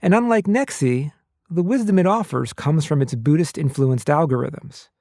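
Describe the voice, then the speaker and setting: A man hosting a podcast, reading scripted narration in a measured way. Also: a little high, mellow, no room sound, clean studio sound. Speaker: podcast host.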